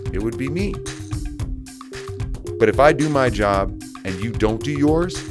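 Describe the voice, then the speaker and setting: A man's voice: medium pitch, expressive, measured pace, over music. A man coaching youth sports, giving an earnest, emphatic solo podcast rant with words repeated for stress.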